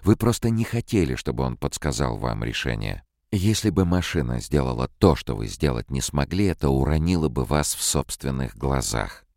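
A man voicing a sharp, mocking woman robot psychologist in an audiobook, his deep voice pushed higher. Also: very animated, normal speed, no room sound, clean studio sound, full character voice. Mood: scornful. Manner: mocking, cutting.

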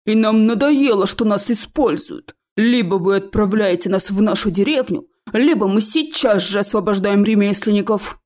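Woman doing a troll chief, male, elder, gruff, loud, accusing, stubborn, audiobook. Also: medium pitch, normal speed, few pauses, close to an everyday voice. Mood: angry, accusing.

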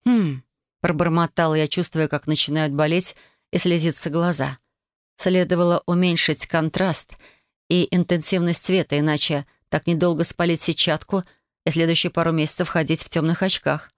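Мужчина размеренно и ровно читает фэнтезийную аудиокнигу от первого лица. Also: male voice, fairly high pitch, flat delivery, moderate pace, clear, resonant tone, dry recording, clean studio sound. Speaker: audiobook reader. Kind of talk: fantasy audiobook narration in first person.

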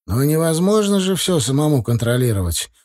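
A man's voice: on the high side, very animated, fairly quick, a little mellow, no echo, studio quality, voice pushed up. A man voicing an earnest young heir of a family business in an audiobook, speaking in a confiding tone.

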